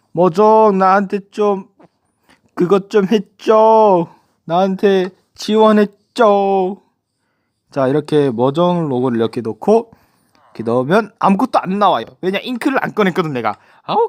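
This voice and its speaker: A young man giving casual gameplay commentary, explaining new items and talking to himself as he plays. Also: on the high side. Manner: lively, talks to himself while playing. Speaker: gaming YouTuber.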